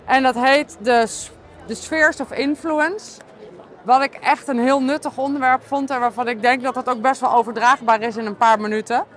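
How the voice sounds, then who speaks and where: A woman hosting her podcast in a candid, casual video diary, tired and halting, with many fillers. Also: sits high, steady tone. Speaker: podcast host.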